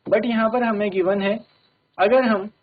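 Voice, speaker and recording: A male English teacher, giving a classroom grammar lesson in a steady manner and often checking that everyone follows. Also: high voice, measured pace, slight background noise. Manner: steady, repeats "ठीक है" to check understanding. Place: broadcast studio classroom. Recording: tinny phone-like audio.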